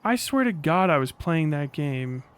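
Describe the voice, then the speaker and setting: This livestream host, a man in his thirties, comments in a profane, rambling way while swearing freely. His voice sits a little high, with a sing-song lilt and a slightly slow pace.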